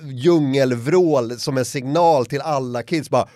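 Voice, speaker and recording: A man chatting casually on a podcast, telling an animated anecdote and acting out the shouts and quotes of the people in it. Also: mid-range voice, dry recording, clean studio sound. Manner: lively anecdote teller, acts out shouts and quotes. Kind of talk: casual chat, animated storytelling.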